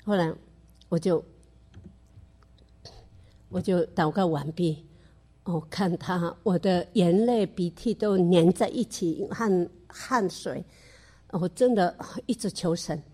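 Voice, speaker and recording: An older woman giving a personal faith testimony in an earnest, halting way, with frequent restarts and fillers. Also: medium pitch, mellow. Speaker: church member giving testimony.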